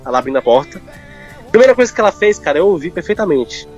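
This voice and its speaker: Man, guest, rapid informal talk, light music underneath. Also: high voice, big pitch swings, a little mellow, dull audio. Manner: fast, informal, full of fillers like "cara". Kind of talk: candid personal conversation.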